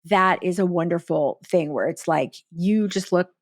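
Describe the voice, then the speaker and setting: A woman's voice: on the low side, moderate pace, no room sound, studio quality. A woman interviewing a colleague in an enthusiastic, complimentary way. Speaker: interviewer, clinic staff. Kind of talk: casual interview.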